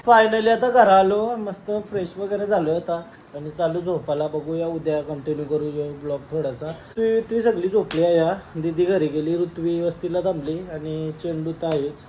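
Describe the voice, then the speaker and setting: A young man vlogging casually with his family, lively and teasing as he calls out to the people around him. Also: a little high, moderate pace, hardly any pauses, slight background noise. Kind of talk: casual family vlog chat.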